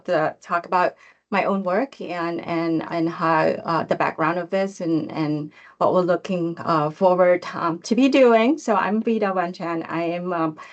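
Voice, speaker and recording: A woman from Cambodia, a professor hosting an online information session and speaking hesitantly with many fillers and restarts over a video call. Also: fairly low pitch.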